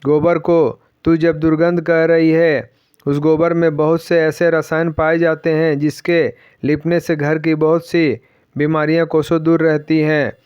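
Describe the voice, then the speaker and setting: A man's voice: on the high side, completely flat delivery, measured pace, a little mellow, clean tone, dry recording, natural voice. A man reading the lines of a devout old village mother who pleads and laments, in a slightly dull, dry recording. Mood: coaxing.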